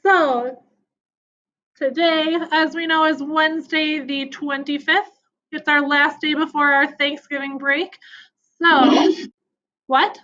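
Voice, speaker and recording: Woman, elementary teacher running an online lesson; bright high voice, upbeat and coaxing, muffled video-call audio. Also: fairly even intonation, takes it slowly, long pauses. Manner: upbeat, encouraging, speaks to children.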